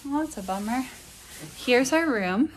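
A woman's voice: high-pitched, animated, a little slow. A young woman talking casually and cheerfully into a handheld camera while traveling, with lots of fillers. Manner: chatty, upbeat, filler-heavy. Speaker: vlogger. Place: car and outdoors, on the move. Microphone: handheld camera or phone. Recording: noisy handheld recording, car noise.

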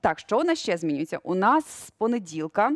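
A young woman, a news producer, chatting as a guest in a studio interview, relaxed and chatty, with many fillers. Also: medium pitch, a little fast, dry recording.

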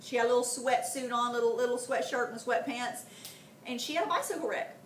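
A woman's voice: fairly high pitch, brisk. A middle-aged woman, teaching a classroom history lesson and telling stories, often checking in with the students. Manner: animated storytelling, frequent "okay?" check-ins with students. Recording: roomy, from a distance, faint background noise.

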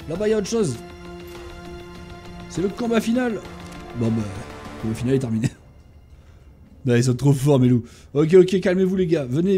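A man giving casual gameplay commentary, talking to his tamed animals and bursting into excited shouts during fights. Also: fairly high pitch. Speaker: gaming YouTuber.

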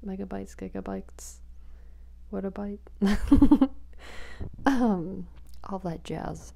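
A woman chatting softly for ASMR on a small close microphone, rambling, whispery and giggly. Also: medium pitch, takes it slowly, creaky. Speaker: ASMR creator. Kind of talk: soft-spoken ASMR chatting.

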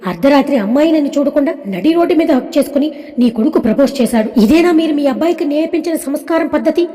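A woman's voice: sits high, animated, fast, dark tone. A woman voicing a stern young man who firmly stresses every word as he defends his fiancée. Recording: long reverb.

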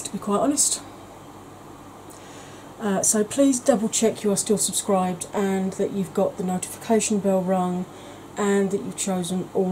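Filming a makeup vlog in her home kitchen, a woman with a lowish voice rambles casually and off topic, teasing herself and sometimes speaking softly. The recording is rough, with slight background noise.

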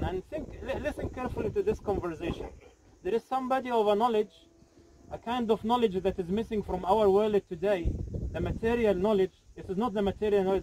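Captured by a camera several metres off, this high-voiced middle-aged imam gives a heartfelt sermon outdoors by a grave, with listeners gathered around in the cemetery. He repeats phrases and asks rhetorical questions, and the background is noisy.

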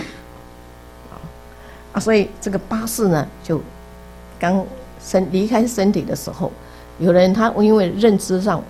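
Her voice is warm and fairly low, captured in a rough recording, as this middle-aged woman from Taiwan leads an informal Buddhist class in a basement room. She rambles through stories with plenty of interjections and chuckles at her own humor.

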